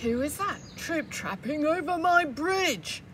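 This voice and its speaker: A woman voicing a bad, hungry male troll who roars loudly at goats in a storybook reading. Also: sits high, very animated, slow pace, voice pushed up, exaggerated voice. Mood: roaring. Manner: roaring, loud. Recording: far mic with outdoor traffic noise.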